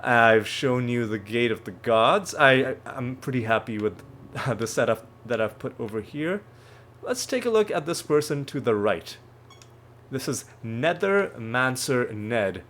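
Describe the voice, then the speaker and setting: A man hosting a let's play speaks at a measured pace, animated and a bit bright at medium pitch, with a mild nasal tone from a cold he's getting over. His casual explanations of the game ramble and self-correct. Faint music and a little hiss or hum are audible.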